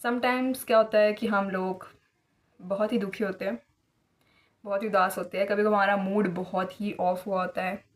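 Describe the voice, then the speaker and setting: A young woman from India hosting her own vlog, telling stories in a chatty way with many fillers and English phrases mixed in. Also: mid-range voice. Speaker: vlogger. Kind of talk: casual vlog chat.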